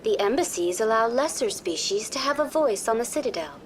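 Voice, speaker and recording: A woman gives voice to a programmed virtual intelligence tour guide in a game, polite and informative, with formal, courteous, precise wording in scripted dialogue. She sounds natural and expressive, with a fairly high pitch, speaking fairly quickly over a little hiss or hum.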